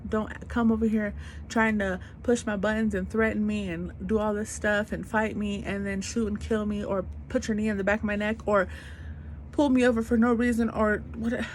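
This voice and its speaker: A woman's voice: mid-range voice, little pitch movement, normal speed, slight background noise. A woman in her twenties venting in an unscripted vlog rant, blunt and emphatic, repeating her points in casual slangy speech. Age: 20s. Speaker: vlogger.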